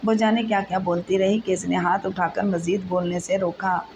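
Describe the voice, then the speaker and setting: A woman narrating a novel in an even, unhurried storytelling manner. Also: medium pitch. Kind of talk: novel reading. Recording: steady background noise.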